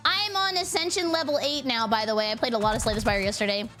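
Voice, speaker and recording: A woman streamer chatting casually with her viewers, giggly and excitable, laughing often and thanking donors. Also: fairly high pitch, fast, faint music behind. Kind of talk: casual live-stream chat.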